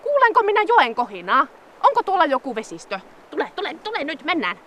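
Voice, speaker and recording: A woman's voice: high-pitched, big pitch swings, background noise. A woman talking to an animal she is leading, coaxing it along and repeating her words.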